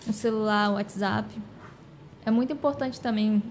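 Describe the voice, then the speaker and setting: A woman's voice: medium pitch, normal speed, a little hiss or hum. Earnest female panelist. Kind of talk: explanatory panel talk.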